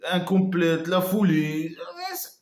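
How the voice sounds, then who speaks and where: A man's voice: on the high side, steady tone, takes it slowly, darkish tone, echoey room. A man giving a casual critical monologue, scornful and mocking, hesitating with many trailing asides. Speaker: online commentator.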